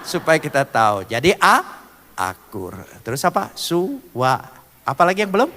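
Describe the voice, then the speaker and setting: A man preaching a humorous sermon, spelling out acronyms and swinging from loud calls to soft asides. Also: on the high side, wildly swooping pitch, moderate pace. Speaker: pastor. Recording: long hall reverb.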